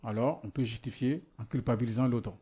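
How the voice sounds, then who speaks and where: Fairly quick and warm with a breathy edge, a medium-pitched man preaches in a language that isn't his native one, French not being his first tongue. He asks rhetorical questions and repeatedly restarts while searching for words.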